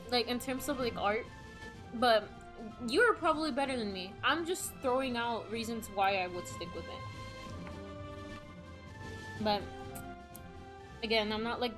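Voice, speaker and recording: A young adult woman live streamer chatting casually in a rambling, self-deprecating, slangy way. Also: on the high side. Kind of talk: casual livestream chat. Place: indoors, solo at a computer on a voice call setup. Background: background music.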